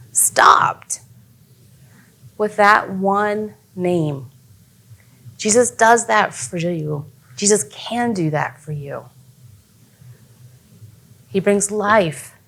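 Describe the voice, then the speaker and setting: A young adult woman giving a casual, earnest youth sermon as a youth pastor. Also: medium pitch.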